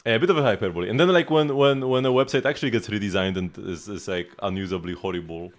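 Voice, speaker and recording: A man's voice: lowish voice, fast. Rambling male game streamer. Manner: rambling, restarts often, explains strategy. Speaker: livestreamer. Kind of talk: casual game commentary.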